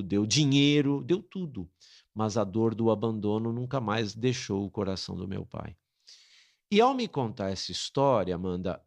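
A middle-aged man from Brazil, interviewed as a guest, tells a painful family story with earnest, dramatic emotion. His pitch moves widely and expressively as he speaks, sitting at an ordinary middle height. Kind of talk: personal storytelling.

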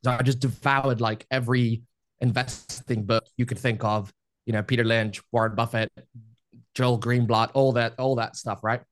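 A man in his thirties, a podcast guest, telling his life story in a relaxed, rambling way with many fillers. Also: mid-range voice, moderate pace. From Spain. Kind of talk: casual interview storytelling.

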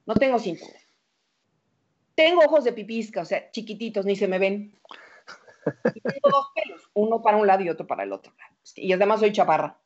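A woman voicing a vain young female cockroach in a told fable, high and fussy, over a slightly dull recording. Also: animated, a little fast, pauses often, natural voice. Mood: self-pitying. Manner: high, fluttery, polite brush-offs.

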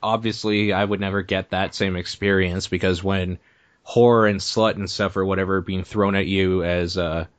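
A man hosting a casual podcast, talking in a relaxed, rambling way full of hedges. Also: deep voice, moderate pace, dry recording. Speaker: podcast host.

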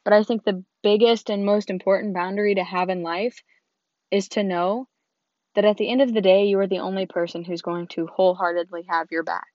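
A young woman with a hoarse, worn-out voice hosts her own show, talking earnestly and a little rambling straight to her listeners. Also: mid-range voice, fairly even intonation, fairly quick, a little mellow, dry recording. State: hoarse, lost voice. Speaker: host. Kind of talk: casual talk to camera. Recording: dull lo-fi, dry.

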